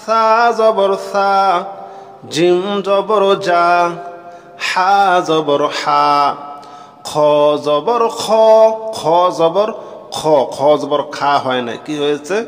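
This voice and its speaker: Man, Quran reading teacher, slow sing-song letter drills, long echo, soft music behind. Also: sits high. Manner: chants letter pairs twice, slow and sing-song, then explains quickly.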